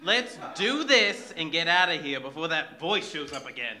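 A man's voice: a little high, sing-song, normal speed, pushed and bright, a little hiss or hum, exaggerated voice. An actor playing a nervous male crook sidekick in a 1940s style radio drama.

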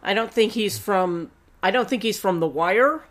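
A female podcast co-host talking in relaxed, casual chat. She is quick with teasing remarks and frank opinions, in a voice of ordinary middle pitch. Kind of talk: casual chat recapping a dating show.

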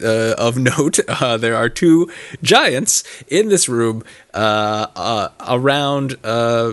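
A man narrating as game master, halting often with ums and uhs as he describes scenes. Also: mid-range voice. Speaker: dungeon master.

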